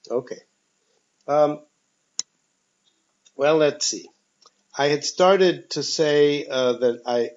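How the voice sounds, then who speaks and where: A man's voice: mid-range voice, a little mellow. Man teaching over a dull speakerphone. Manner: thoughtful, hesitant, many ums. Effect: speakerphone on a phone call. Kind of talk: leading a text discussion class. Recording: dull speakerphone call audio.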